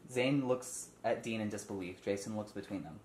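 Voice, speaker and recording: Reading out stage directions and explaining as he goes, a man leads a casual table read at normal speed. His voice is fairly low and a little mellow, and the recording is echoey with faint noise.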